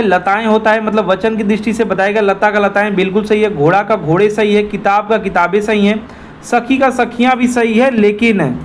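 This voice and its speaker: A man with a high-pitched voice explains exam questions one by one. He talks straight to his viewers and keeps repeating the right answers. A faint noise hums under the recording. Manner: repetitive, addresses viewers as friends. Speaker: Hindi exam tutor. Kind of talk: explanatory quiz walkthrough.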